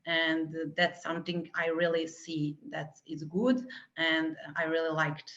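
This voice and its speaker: Lady dev on a lo-fi call, lowish voice, lots of uhs. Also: steady tone, unhurried, fairly bright tone. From Serbia. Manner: hesitant, many filler sounds. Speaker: guest developer. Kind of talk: live interview answers. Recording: muffled lo-fi call audio.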